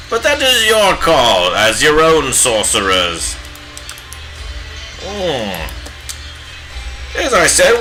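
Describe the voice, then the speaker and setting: A man's voice: a little high, sharp tone, exaggerated voice, rough recording. A man playing a pompous bearded old wizard with a put-on British accent, hamming it up while he paints live. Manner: hammy, drawn-out theatrical wizard speech.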